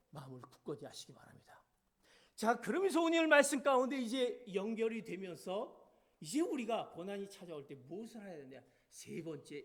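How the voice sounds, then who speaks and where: A male pastor preaching a sermon in a strikingly high voice. He presses his points with emphatic delivery and keeps asking rhetorical questions of the congregation.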